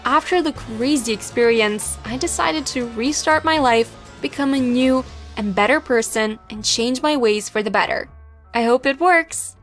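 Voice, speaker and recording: Young woman narrating an animated story. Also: a little high, normal speed, soft background music.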